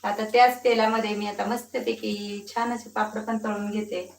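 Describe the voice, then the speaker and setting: A woman's voice: medium pitch, level tone, normal speed, creaky. A woman cooking at home and chatting to viewers while coaxing and scolding a small child. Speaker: home cooking vlogger and mother. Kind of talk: casual cooking vlog chat. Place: home kitchen. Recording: echoey room, voice far from mic, noisy background.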